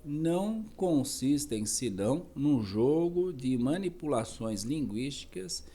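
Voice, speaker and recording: A man reads a dense academic text at a slow, deliberate pace. His voice is dark and mellow, with an even, average pitch. He stops now and then to correct a word or to add a quick aside. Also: slight background noise. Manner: slow, careful reading with self-corrections and asides. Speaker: reader. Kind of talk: reading a philosophy text aloud.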